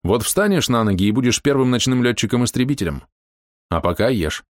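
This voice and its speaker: A man reading an audiobook, voicing a confident young mage who gives brisk instructions. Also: medium pitch, lively intonation, no room sound, clean studio sound, pitched above the performer's own voice, close to an everyday voice. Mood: instructive.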